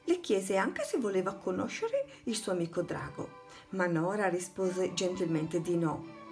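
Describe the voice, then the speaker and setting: Expressive woman reading a storybook. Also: on the low side, unhurried, faint music behind. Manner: expressive, dramatic read-aloud. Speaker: storybook narrator. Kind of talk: children's storybook narration.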